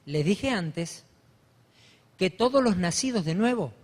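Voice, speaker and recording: A man's voice: high-pitched, animated, slow. Man, pastor, sermon, fervent rising delivery, reverberant church hall. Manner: rises to loud fervent emphasis.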